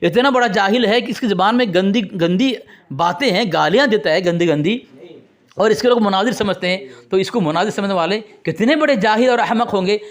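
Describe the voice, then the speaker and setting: A man with a fairly high voice argues in a heated religious debate. He is combative and accusing, pressing his opponent for proof. He keeps breaking off to address the listeners directly. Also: fairly quick.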